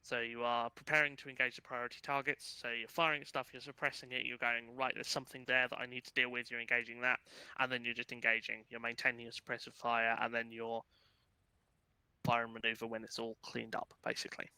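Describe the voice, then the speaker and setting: A man's voice: medium pitch, completely flat delivery, brisk, bright, forceful tone, clear, resonant tone, no room sound, rough recording. A man casually briefing his gaming unit on tactics over voice chat, with lots of ums and uhs. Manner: casual, chatty, filler-heavy explaining. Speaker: unit instructor.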